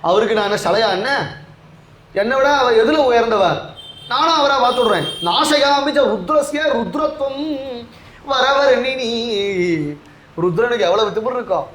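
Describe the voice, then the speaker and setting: A man's voice: sits high, fairly quick, a bit bright, echoey room, slight background noise. A man voicing a determined young goddess, speaking defiantly and insistently in a devotional storytelling discourse.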